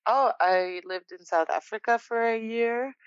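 A young woman from Poland, a guest in a casual interview, talking in a relaxed, reflective way and laughing often. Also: a little high, measured pace, clear, resonant tone, dry recording, lo-fi sound.

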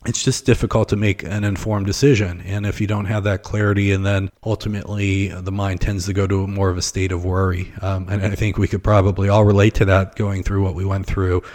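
Low, even-toned man explaining casually. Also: brisk, hardly any pauses. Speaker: financial advisor, podcast regular.

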